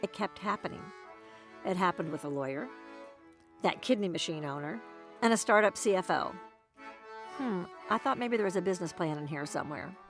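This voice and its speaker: A woman's voice: on the low side, lively intonation, a little fast, pauses often, soft background music. A woman narrating her own documentary in a wry, dry storytelling manner.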